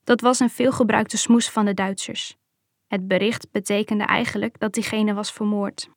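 A woman reading a first-person memoir aloud in a calm, measured storytelling manner. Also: medium pitch, no room sound, clean studio sound.

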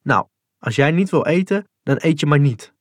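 A man's voice: on the high side, animated, normal speed, no room sound, clean studio sound, pitched above the performer's own voice, close to an everyday voice. A man voicing harsh, cruel foster women who scold a child curtly and coldly. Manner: curt, cold and scolding.

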